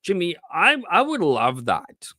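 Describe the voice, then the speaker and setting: This Norwegian trading-stream host has a slightly high, sharp voice whose pitch swoops wildly, though his pace stays measured. He reads chat aloud and thinks out loud in casual commentary full of fillers and restarts, captured in studio quality without echo.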